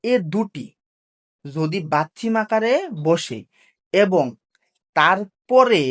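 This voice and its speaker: A teacher gives a video lesson. They explain rules slowly and keep asking rhetorical questions before answering them. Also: mid-range voice, a bit bright. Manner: asks rhetorical questions and answers them, repeats key points; slow, careful drilling of pronunciation rules. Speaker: language teacher. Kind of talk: classroom-style video lesson.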